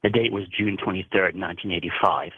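Husky male caller on a phone line. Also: deep voice, fairly even intonation, fairly quick, no room sound. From Canada. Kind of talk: telling a personal story on a call-in show.

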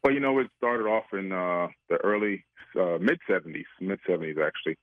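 On a radio call-in, a researcher who is a regular guest, a man in his fifties, talks in a chatty, rambling way, laughing easily between thoughts. His low voice is animated and brisk, coming through a tinny phone line. The sound is dry, with no room sound.

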